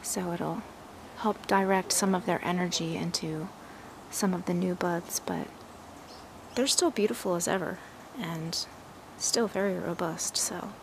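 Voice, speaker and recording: A woman giving a casual walking tour of her backyard garden, relaxed and admiring, thinking aloud with some fillers. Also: on the low side, measured pace, noisy background.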